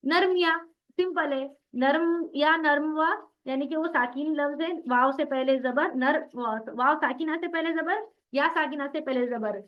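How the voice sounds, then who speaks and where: A woman teaching an online Quran recitation class, asking questions and answering them herself, drilling syllables slowly one by one. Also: sits high, muffled recording.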